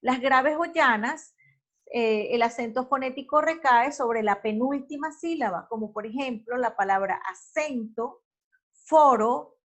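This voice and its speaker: A woman teacher lecturing an online class on spelling and accent marks, often checking in with a quick question and correcting herself mid-sentence. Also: fairly high pitch, a bit bright.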